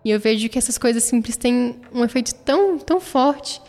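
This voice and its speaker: A woman's voice: on the high side, expressive, brisk. Earnest woman sharing testimony. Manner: earnest, emotional storytelling. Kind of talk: personal faith testimony. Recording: long reverb, soft music behind.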